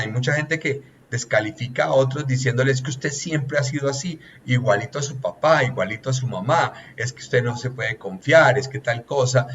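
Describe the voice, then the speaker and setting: A man's voice: mid-range voice, highs cut off, a little hiss or hum. A man, a relationships consultant giving an earnest, teacherly coaching talk that lists points one by one.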